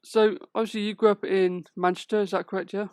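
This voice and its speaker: A man hosting a podcast, speaking slowly and a little formally, with light jokes. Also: sits high, level tone, background noise. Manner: slow, slightly formal, joking. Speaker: podcast host.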